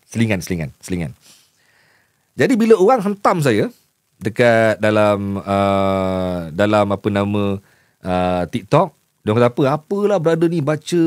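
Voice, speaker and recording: A man's voice: mid-range voice, no room sound, studio quality. A man with a Malaysian Malay accent who stutters and repeats words, a news journalist chatting candidly to camera and mixing in English. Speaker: news journalist and voice-over producer. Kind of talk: casual talk to camera.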